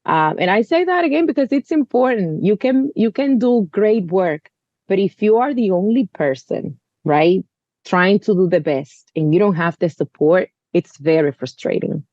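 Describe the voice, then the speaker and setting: A woman's voice: medium pitch, lively intonation, moderate pace, a little mellow, no echo, muffled recording. A woman in her thirties from the Dominican Republic, speaking earnestly as an interview guest, often saying "you know.". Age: 30s. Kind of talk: conversational interview.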